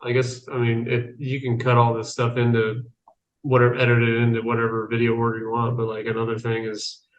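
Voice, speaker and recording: A man's voice: mid-range voice, completely flat delivery, fairly quick, muffled recording. A man talking in a casual, conversational way. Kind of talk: casual chat. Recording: roomy, echoey sound.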